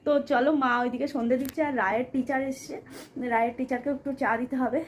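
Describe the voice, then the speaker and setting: A woman in her thirties, hoarse from a cold, chatting casually to viewers as a family vlogger at home. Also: high voice, fairly even intonation, fast, slight background noise. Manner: chatty, talks to viewers as friends. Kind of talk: casual chat to camera.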